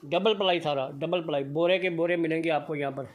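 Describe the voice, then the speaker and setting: Inside a blanket shop, a Punjabi vlogger from India records a phone walkthrough, hyping the products with upbeat, repetitive patter. His pitch is fairly high, his tone steady, and his pace fairly quick.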